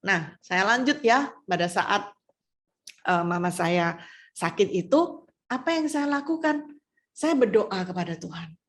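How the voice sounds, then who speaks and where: A middle-aged woman with a Surabaya Indonesian accent, preaching a personal testimony sermon, moving between soft asides and raised exhortation. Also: mid-range voice, lively intonation, unhurried, long pauses.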